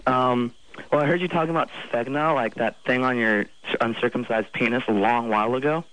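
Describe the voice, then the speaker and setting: A man's voice: mid-range voice, brisk, a bit bright, poor audio. A teenage boy calling a radio show, hesitant and mumbling. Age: teens. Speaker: caller. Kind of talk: phone call to a radio show.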